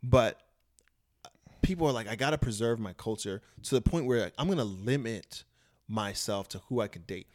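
A man talking in a casual conversation, telling a personal story in a lively way, acting out what others said and swearing now and then. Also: mid-range voice. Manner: animated storyteller, swears, acts out quotes. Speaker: comedian guest.

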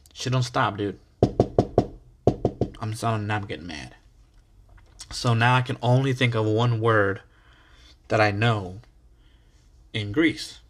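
Telling a story on his own podcast, a young man from the US keeps things loose and talkative, swearing a lot and breaking into abrupt loud yells. He has a medium pitch, and a little hiss or hum sits under the audio.

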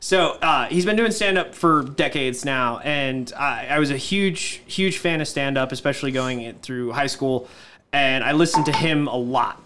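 A man's voice: medium pitch, moderate pace, bright, forceful tone, slight background noise. A twenty-five-year-old man co-hosting a podcast, telling a story in casual banter and laughing through his punchlines. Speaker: podcast co-host.

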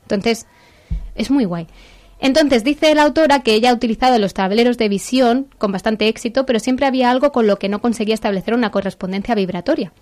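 A woman's voice: on the high side, fast, a little mellow. A woman with a Castilian Spanish accent chatting casually as a segment host, enthusiastic and informal as she explains things step by step. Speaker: segment host presenting a book.

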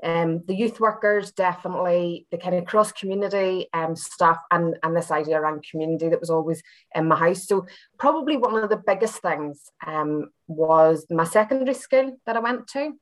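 On a rough recording, a woman from Belfast talks at a moderate pace in a lowish voice with a Northern Irish accent. She's a senior university lecturer giving a casual, reflective personal interview as a guest, chatty yet slightly hesitant, hedging and circling back.

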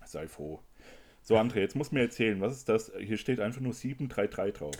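A man in casual chat reviewing perfumes, talking in a lively way and laughing often. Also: lowish voice, brisk. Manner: chatty, animated, laughs often while sniffing samples.

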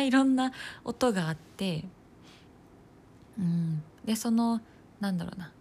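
A young woman in her twenties chatting casually on her own, thinking aloud as she goes, with plenty of fillers and the odd soft laugh. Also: medium pitch. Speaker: nursing student podcaster. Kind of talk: casual solo talk.

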